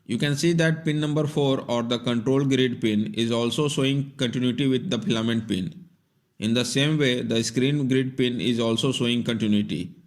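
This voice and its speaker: Narrating a repair tutorial at normal speed, this man uses a mid-range voice. His scripted instructions go step by step, plain and methodical.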